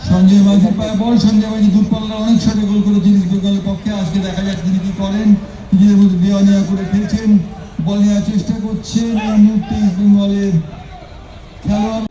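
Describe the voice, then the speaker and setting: A man giving excitable, urgent live play-by-play football commentary outdoors. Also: sits high, quick pace. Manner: excitable, urgent, calling out chances and goals. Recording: distant echoey outdoor PA, dull, crowd and music. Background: crowd and music.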